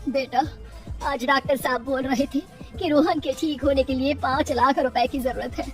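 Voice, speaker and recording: A woman's voice: high voice, steady tone, normal speed, far from the mic, soft background music, lightly acted. A woman playing an anxious cartoon mother-in-law. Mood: worried. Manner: affectionate, worried. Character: older village mother-in-law, anxious, loving.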